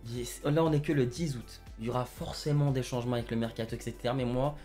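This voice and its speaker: A man's voice: medium pitch, steady tone, quick pace, mellow, faint music behind. A young man co-hosting a casual football chat, giving his opinions with many hedges. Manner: opinionated, hedging with "je pense". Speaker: football channel co-host.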